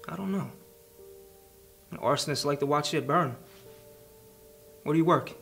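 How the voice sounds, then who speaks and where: A man's voice: fairly high pitch, normal speed, creaky, fairly bright tone, faint music behind. A man in his thirties acting as a tough, sardonic police detective, blunt and probing in a naturalistic interrogation scene. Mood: hard, accusing.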